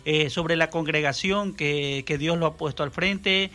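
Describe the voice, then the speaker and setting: Bright-voiced radio host, full of amens. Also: male voice, fairly high pitch, a little slow. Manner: affirming, prompting with amens. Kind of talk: radio interview.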